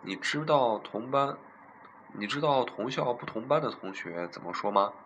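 A man's voice: mid-range voice, animated, normal speed, a bit bright, lo-fi sound, a little hiss or hum, close to an everyday voice. A young man voicing a chatty middle-aged man who lectures strangers on English, pleased with himself. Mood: lecturing.

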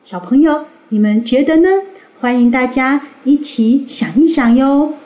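A woman's voice: high voice, a little slow. Playful woman teacher in a roomy space. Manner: bright, playful, curious tone for kids. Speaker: reading teacher. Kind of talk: children's reading lesson.

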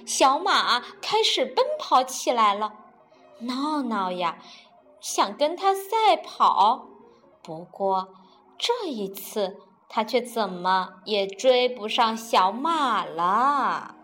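A woman reads a children's picture book aloud in a playful, animated way. Her voice is high and moves all over the place, and she takes her time with each line. Soft music plays faintly behind her. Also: takes it slowly. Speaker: storyteller. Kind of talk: children's storybook reading.

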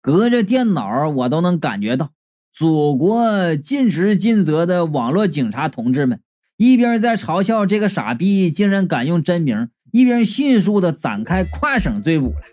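A woman reading a comic story aloud in an animated, exclamatory storyteller's manner. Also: lowish voice, moderate pace. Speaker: audiobook reader.

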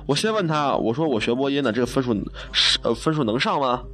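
A young man from Xi'an who studies broadcasting talks fast with lively intonation, his mid-range voice fairly bright. In this casual monologue he tells humorous stories, chatting away, poking fun at himself and laughing at his own jokes.

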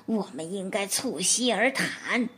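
A woman voicing a scheming, hungry male wolf who begs in a low, pitiful, fawning voice. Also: expressive, unhurried, fairly bright tone, husky, exaggerated voice. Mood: wheedling. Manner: wheedling, pitiful.

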